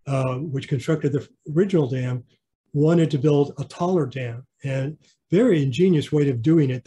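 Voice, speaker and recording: A man's voice: on the high side, dark tone, breathy edge. A man giving a casual online slideshow clinic about his model railroad, rambling with fillers and restarts. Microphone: video call.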